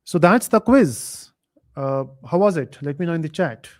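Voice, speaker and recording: In a casual live stream chat, a man with a somewhat higher voice runs a quiz easygoingly. While reading viewers' comments out loud, he often stalls on filler words.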